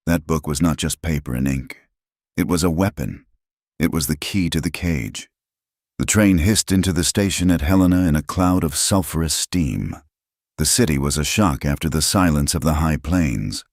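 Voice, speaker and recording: Very deep male audiobook narrator. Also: dry recording, studio quality. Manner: measured, dramatic.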